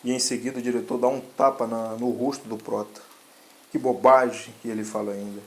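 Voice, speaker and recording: Um homem narra uma história em tom casual, com hesitações e correções no meio das frases. A voz tem altura média e há um leve ruído de fundo. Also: male voice, mid-range voice, fairly even intonation, a little mellow, a little hiss or hum. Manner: halting, self-correcting. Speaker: story narrator. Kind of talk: casual story recap narration.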